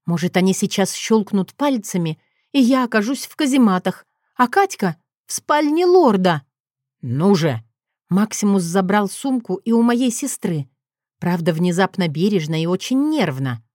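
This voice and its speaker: A woman narrating a first-person fantasy audiobook in an even, measured reading. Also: mid-range voice, no room sound, studio quality.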